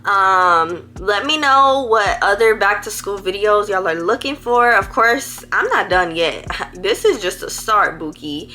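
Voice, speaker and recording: Chatty teen girl with bright voice. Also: medium pitch, expressive, measured pace, hardly any pauses, soft background music. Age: teens. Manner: chatty, rambling, playful slang. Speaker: vlogger. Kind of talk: casual advice vlog.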